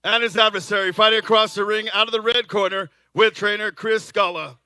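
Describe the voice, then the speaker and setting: Guy doing ring intros like a lucha libre announcer, high bright voice, stretches words out big. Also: fairly even intonation, clear, resonant tone, dry recording. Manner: theatrical, drawn-out shouted names and phrases. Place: live boxing event.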